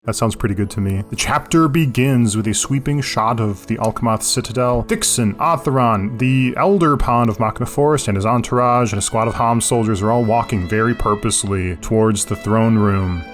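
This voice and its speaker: A man in his thirties co-hosting a gaming podcast, recapping the story in relaxed, casual chat. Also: fairly low pitch, moderate pace, hardly any pauses, soft background music. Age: 30s. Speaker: podcast co-host.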